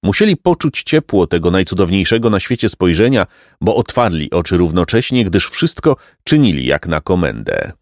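Male storybook narrator, low voice with a lively, swinging melody, very dry close sound. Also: moderate pace, few pauses, no echo. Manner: expressive, lilting reading.

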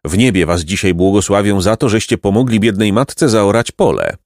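A man's voice: on the low side, animated, normal speed, no echo, clean studio sound. A man doing a tender, overjoyed old mother. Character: poor worn-out old mother, tender and joyful.

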